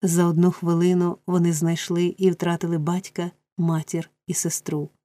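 A woman narrating a classic novel in measured, expressive storytelling. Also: fairly low pitch, dry recording. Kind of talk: scripted audiobook narration.

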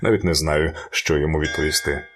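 An actor playing a kind male doctor in a radio play, speaking in a gentle, earnest, polite way. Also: extremely low pitch, flat delivery, quick pace, music in the background.

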